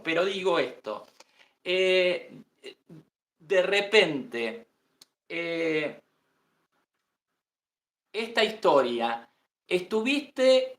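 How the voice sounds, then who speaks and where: A man with a fairly high voice interviews a guest, earnest and emphatic. He returns to key phrases for weight. His voice rings in a roomy space. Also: fairly bright tone. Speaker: interviewer and investigator. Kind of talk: interview questions and commentary.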